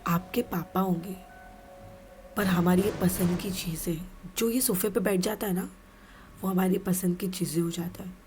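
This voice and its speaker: A woman's voice: fairly low pitch, fairly even intonation, moderate pace, a little hiss or hum, natural voice. A woman whispering as a menacing ghost woman. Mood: eerie, menacing. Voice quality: hushed whispery delivery.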